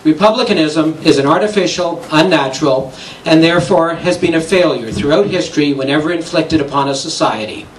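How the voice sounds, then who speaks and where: Formal man reading a debate statement. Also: fairly high pitch. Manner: formal, measured. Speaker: debater for the monarchy. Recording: echoey hall, distant mic, faint hiss.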